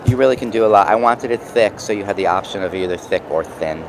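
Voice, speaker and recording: A man with a New York accent casually explaining and demonstrating craft products, pausing mid-sentence as he works. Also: on the low side. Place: busy convention booth. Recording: noisy trade show floor background.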